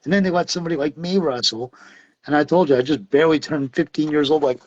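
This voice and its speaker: A middle-aged man talks fast in a fairly high voice as a guest in a casual interview, telling stories in a loose, rambling way, laughing often and using many fillers. The sound is dull and lo-fi.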